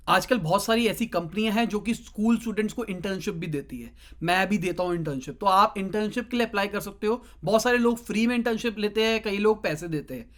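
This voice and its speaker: High-voiced young man giving casual advice. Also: a bit bright. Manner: conversational, addresses viewer directly with quick asides. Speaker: digital marketing YouTuber giving advice.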